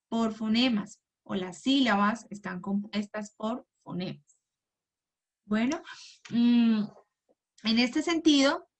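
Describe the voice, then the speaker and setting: A woman giving a patient lesson to parents, checking in often with "right?" and spelling out example words slowly and clearly. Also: a little high, a bit bright. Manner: patient, asks "¿verdad?" and "¿sí?" often; slow, clearly articulated model words. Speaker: homeschool teacher. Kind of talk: instructional talk to parents.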